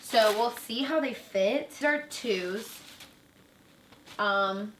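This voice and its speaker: A woman's voice: a little high, extremely slow, recorded from a distance, background noise. Bubbly young woman, roomy and off-mic. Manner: bubbly, chatty, lots of fillers. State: out of breath. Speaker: vlogger. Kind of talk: casual unboxing chat.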